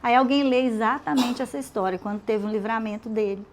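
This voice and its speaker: A woman leads a women's Bible study, retelling scripture as an animated story. Her voice sits high and she slips into characters' lines. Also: fairly quick, a little hiss or hum. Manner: animated storytelling with acted dialogue.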